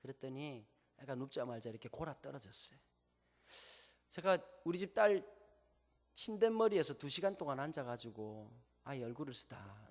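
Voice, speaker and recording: A man with a Gyeongsang Korean accent preaching a sermon to a congregation, telling stories and asking them rhetorical questions. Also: fairly high pitch. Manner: normally talks very fast, slowing down on purpose. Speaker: pastor. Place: church sanctuary before a congregation. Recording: long church hall reverb.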